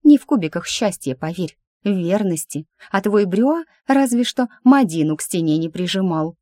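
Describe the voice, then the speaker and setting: A snappy, sharp-tongued young woman, as a woman narrator puts her on in a storybook. Her lines come out higher and louder than the narration, in a dry, close recording. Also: animated, moderate pace, dry recording, close to an everyday voice. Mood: mocking.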